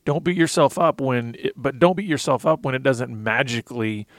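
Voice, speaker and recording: A man in his thirties co-hosts a faith-based podcast, earnestly recounting his recovery and quoting scripture with emotion. He speaks at a normal speed in a medium-pitched voice, and the recording has no room sound.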